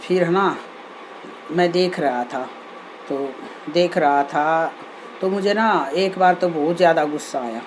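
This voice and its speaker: A woman's voice: on the low side, darkish tone, a little hiss or hum, rough recording. A woman telling a homely moral story in a chatty, folksy way, often tossing in little asides to her listeners.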